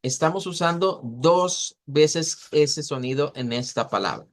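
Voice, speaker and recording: Man teaching pronunciation, repeating words. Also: on the high side. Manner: explanatory, repeats words slowly to model sounds. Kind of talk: online class lecture.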